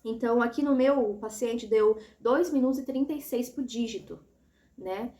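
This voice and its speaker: Woman teaching how to run a kids test, slightly high voice, keeps going "ok?" after each bit. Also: normal speed, dark tone. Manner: patient, step-by-step, often checks in with "tá?" and "ok?". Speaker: educator explaining a child assessment. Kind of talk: instructional tutorial.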